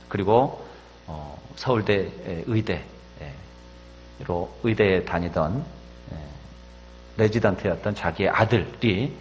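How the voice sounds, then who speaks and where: A man's voice: on the low side, slight background noise. Male pastor preaching in an echoey church. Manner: storytelling, swings to loud raised emphasis. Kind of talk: sermon. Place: church sanctuary.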